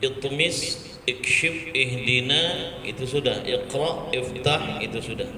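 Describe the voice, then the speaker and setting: A man teaching Quran reading, patiently repeating Arabic words and chanting them slowly. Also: medium pitch, noisy background. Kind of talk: slow Quran recitation lesson. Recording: echoey hall with faint ambience.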